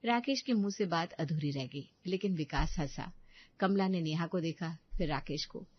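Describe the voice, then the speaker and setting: A woman narrating a family moral story in an even, measured way. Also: lowish voice, dull audio.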